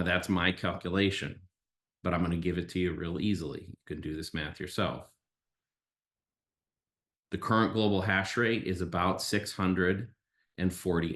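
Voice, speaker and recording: A man hosting a podcast, delivering an opinionated monologue and explaining his points emphatically, step by step. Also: low voice. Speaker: podcast host. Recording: roomy, echoey sound.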